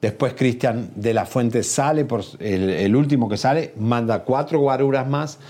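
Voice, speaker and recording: A man's voice: medium pitch, moderate pace, warm tone. A man co-hosting a gossip show, joking as he tells a story in casual chat. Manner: jokey, storytelling.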